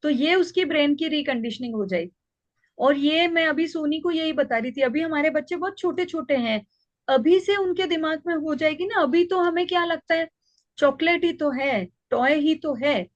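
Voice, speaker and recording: A woman teaching an online parenting class in a calm, explaining way. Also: high voice, normal speed, no room sound, highs cut off. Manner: calm, explanatory, acts out child and mother lines. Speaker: parenting coach.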